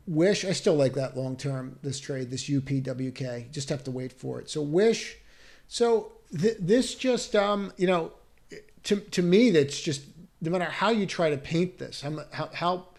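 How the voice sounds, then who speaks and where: A fairly high-pitched, darkish-toned man, a stock market analyst, talks viewers through charts on a screen share. He thinks aloud, restarts, asks rhetorical questions and keeps his advice cautious.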